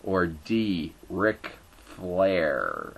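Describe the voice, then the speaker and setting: Casual sports host guy, playful, hypes things up like an announcer, slow easy pace, kinda low voice. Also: huge pitch swings, vocal fry, rough recording. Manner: playful, hyped announcer flourishes, squealing catchphrase. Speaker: sports show host, trivia quizmaster. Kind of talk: casual sports talk show banter.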